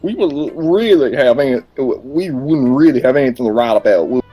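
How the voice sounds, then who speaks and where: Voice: mid-range voice, expressive, normal speed, warm tone, slightly rough, faint music behind. A player reading aloud the lines of a cheerful teenage girl club president from a visual novel. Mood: musing.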